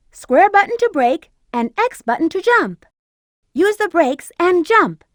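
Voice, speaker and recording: Rouge the Bat, very high-voiced sassy game heroine. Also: female voice, dry recording, studio quality. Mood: cool, observant. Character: flirty, cool-headed female bat treasure hunter, adult. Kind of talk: video game voice acting, short in-game hints and callouts.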